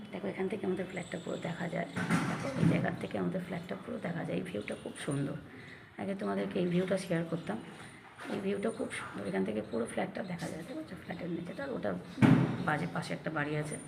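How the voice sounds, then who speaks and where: A middle-aged woman with a hoarse voice, chatting casually to her viewers in a lifestyle vlog while out near home. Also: mid-range voice, rapid-fire. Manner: chatty, addresses viewers directly. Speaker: lifestyle vlogger. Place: out and about near home and shops. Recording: loud background noise.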